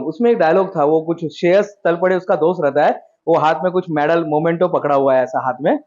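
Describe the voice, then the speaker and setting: A man's voice: high voice, darkish tone. A man giving a motivational speech to students in a school hall, coaxing the crowd with questions and repeated phrases. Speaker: motivational speaker. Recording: dull lo-fi sound.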